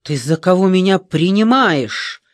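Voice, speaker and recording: A man's voice: sits high, expressive, unhurried, no room sound, clean studio sound. A man reading an audiobook, voicing a frightened, angry old woman with scornful, indignant outbursts.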